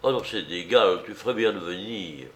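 A man's voice: medium pitch, a little slow, fairly bright tone. Guy reading a serious loyal friend in an audiobook, earnest and pushy, echoey room. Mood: grave. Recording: roomy echo.

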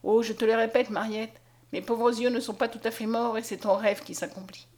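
Gentle blind young guy, woman reading him, soft tender voice, storybook. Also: fairly high pitch, steady tone, fairly quick, lightly acted. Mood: amazed. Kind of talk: audiobook character voice.

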